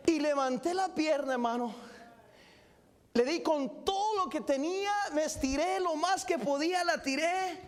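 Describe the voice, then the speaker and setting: Pastor, man, very high voice, animated dramatic sermon storytelling. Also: unhurried. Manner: animated, dramatic retelling with exclamations. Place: church sanctuary.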